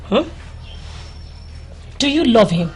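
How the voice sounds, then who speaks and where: A playful young village woman. Her husky, higher voice rises and falls freely as she teases and presses her friend. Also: big pitch swings, takes it slowly, full character voice. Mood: teasing. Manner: playful, teasing and insistent.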